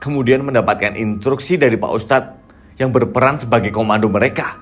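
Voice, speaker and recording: A man narrating a scripted horror folk tale in a steady, measured manner. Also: mid-range voice.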